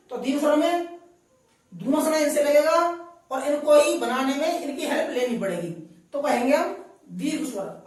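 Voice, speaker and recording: A woman's voice: high-pitched, a little mellow. A woman teaching a grammar lesson, repeating each point and quizzing her listeners with questions. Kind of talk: classroom lesson. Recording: very echoey room, voice from a distance.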